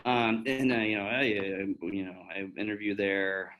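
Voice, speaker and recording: A man in his thirties with a slightly low voice talks openly to pre-med students about his path into medicine. His delivery is relaxed and conversational, dotted with fillers and false starts as he answers questions one by one. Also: normal speed, a little hiss or hum, rough recording. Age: 30s. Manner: candid and chatty, with many fillers and restarts. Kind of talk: casual Q&A talk.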